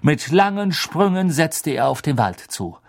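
A man narrating an audiobook in a dramatic, expressive storytelling manner. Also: on the high side, unhurried.

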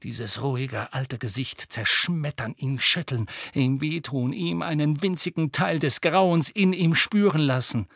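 A man's voice: a little high, a little slow, gravelly, few pauses, a bit bright, husky, dry recording, clean studio sound. A man narrating a novel as an audiobook in a dramatic storytelling manner.

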